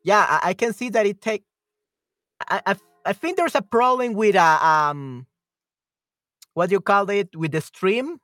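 A man's voice: high voice, lively intonation, measured pace, long pauses, fairly bright tone, dry recording, soft background music. A man hosting a livestream, chatting casually and hesitantly, thinking aloud as he goes, close to the microphone. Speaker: livestream host. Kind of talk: casual livestream chat, troubleshooting audio.

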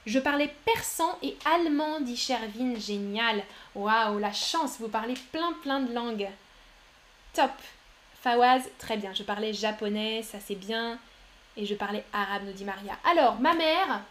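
High-voiced French teacher on a live stream. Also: female voice. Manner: encouraging, reads out viewers' chat answers. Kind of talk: live-streamed language lesson.

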